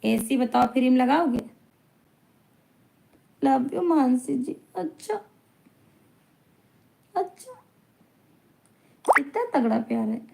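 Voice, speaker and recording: High-voiced chatty woman live streamer. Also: animated, slow pace, gravelly, pauses often, dark tone, slight background noise. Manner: chatty, teasing, laughs often. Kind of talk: live-stream chat, reading viewer comments aloud.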